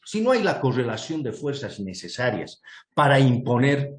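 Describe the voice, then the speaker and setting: A man's voice: medium pitch, very animated, moderate pace, reverberant. A man, a guest speaker making an earnest, argumentative case in an online panel talk, with many fillers and restarts. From Bolivia. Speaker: guest speaker presenting a proposal.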